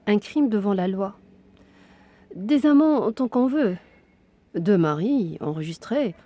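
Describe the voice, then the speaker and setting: A woman reads a literary passage aloud in a warm, mellow voice, taking her time over every phrase. Her delivery is intimate and hushed, sometimes sinking to a bare whisper, with long, deliberate pauses. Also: medium pitch, expressive, no room sound. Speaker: reader of a literary text. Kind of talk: expressive literary reading.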